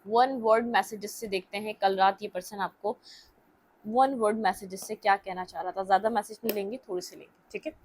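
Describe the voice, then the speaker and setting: Her voice sits in the mid range, a little fast and fairly even in intonation, as this young tarot reader chats through a casual reading for her viewers. She talks freely, mixes in English, and keeps checking in with frequent "okay"s and "theek hai."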